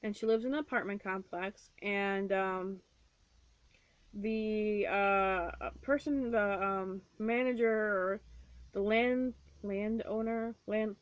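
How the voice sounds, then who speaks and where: A woman's voice: on the high side, no room sound, lo-fi sound. A woman casually reviewing books on her vlog at home, chatty and rambling with lots of fillers and restarts. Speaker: book vlogger. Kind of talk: casual book review chat.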